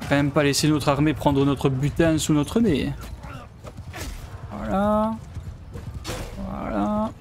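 A man's voice: a little high, slow, vocal fry, pauses often, a little mellow. A man from Belgium giving live commentary on his strategy game, thinking aloud and often trailing off mid-sentence. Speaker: let's play gamer.

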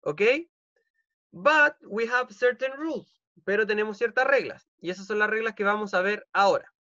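Teaching English online from his home, this man has a Chilean accent, repeats every rule in Spanish, and keeps asking "ok?". He talks at a moderate pace in a high-pitched, pushed, bright voice. Captured by a computer mic on a video call, the audio has no room sound and its highs are cut off.

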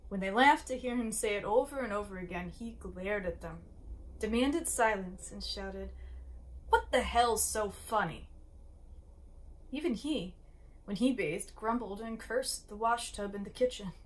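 A woman's voice: medium pitch, moderate pace, poor audio. Woman reading a novel aloud. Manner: occasional slips and restarts, brief asides. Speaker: reader.

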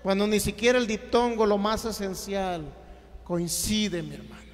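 A man delivers a Bible teaching in a strikingly high voice. He is emphatic, repeats his points and keeps asking his listeners rhetorical questions. The sound carries a long, lingering hall reverb. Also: normal speed. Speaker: preacher.

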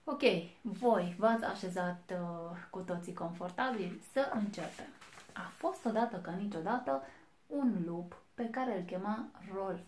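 A woman reading a picture book aloud to children, expressive and speaking directly to her young listeners. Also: medium pitch. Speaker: children's story reader. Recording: echoey room, faint noise.

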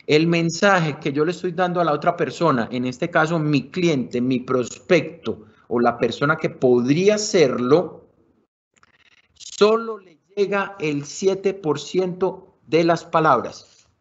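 This man, a sales trainer with a Colombian accent, teaches an energetic virtual workshop slowly, his voice a little high. He plays with volume and pace for emphasis, chats colloquially with his "muchachos," and the video call sound is dull and lo-fi.

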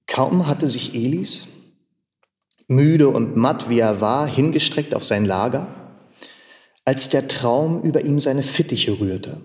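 Male actor reading a story aloud. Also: medium pitch. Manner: measured, expressive storytelling. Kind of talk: theatrical literary reading. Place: large machine workshop hall in a theater. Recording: long reverb of a large hall.

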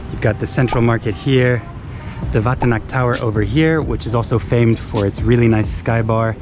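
A man's voice: medium pitch, steady tone, moderate pace, noisy background. A man in his thirties, a travel vlogger, talking casually and enthusiastically to a handheld camera held at arm's length outdoors. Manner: chatty, enthusiastic. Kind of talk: casual vlog narration. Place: outdoors on a city rooftop and streets. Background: background music.

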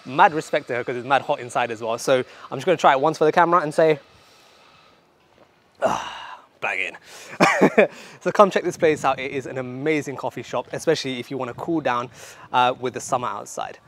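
A man's voice: medium pitch, a little fast, fairly bright tone. A man in his thirties, a vlog host, presenting to camera in a breezy, slangy way on a city street.

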